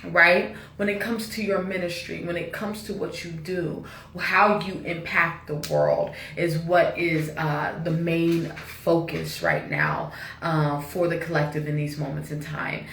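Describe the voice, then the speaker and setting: A woman giving a casual channeled spiritual message to her viewers, relaxed and repetitive, with a preachy lilt. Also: fairly low pitch, unhurried, few pauses, roomy sound, far from the mic, a little hiss or hum. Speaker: spiritual reader.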